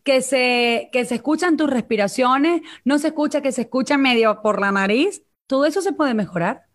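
A woman's voice: sits high, moderate pace. A woman from Venezuela, a vocal coach and guest, talking in a coaching tone and addressing listeners directly in a live online interview.

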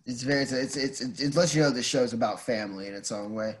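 Male podcast guest, mid-range pitch, conversational, loose, hesitant phrasing. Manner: halting, thinking aloud, informal. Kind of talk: casual chat.

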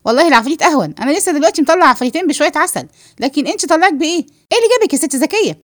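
A woman's voice: high voice, expressive, racing, no room sound, clean studio sound, pitched above the performer's own voice. A woman voicing a cheeky, joking man with an Egyptian accent in a read-aloud play, teasing the others. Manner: teasing, wisecracking. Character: cheeky, joking man, carefree while eating.

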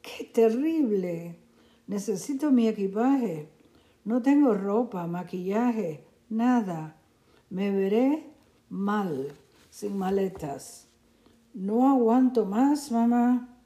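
A woman's voice: mid-range voice, lively intonation, takes it slowly, mellow. A woman voicing a fussy, vain teenage girl who complains dramatically, in a storybook reading. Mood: upset.

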